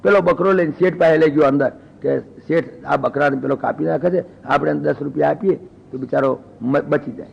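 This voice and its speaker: A man's voice: on the high side, fairly quick, vocal fry, breathy edge, muffled recording. An older man giving a spiritual discourse, telling a folk story and voicing its characters in homely dialogue. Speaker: spiritual speaker.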